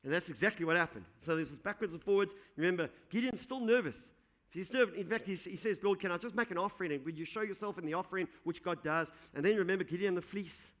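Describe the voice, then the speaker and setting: Pastor guy preaching, kinda high voice, reads the bible bits then chats through them. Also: fast talker, fairly bright tone. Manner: reads scripture then explains it conversationally, with restarts. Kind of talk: sermon. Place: church.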